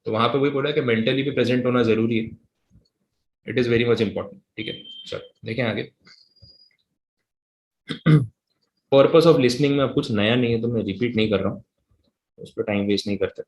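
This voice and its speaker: A man teaching a live class, explaining at a casual pace and slowly dictating definitions word by word. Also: mid-range voice, a little mellow, roomy sound, highs cut off. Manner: switches between conversational talk and English reading.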